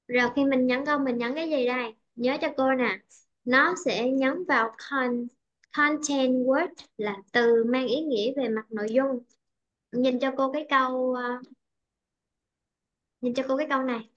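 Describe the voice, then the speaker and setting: A woman's voice: high-pitched, a bit bright, dull audio. A Vietnamese woman teaching English pronunciation in an online lesson, patient and checking often that the student follows.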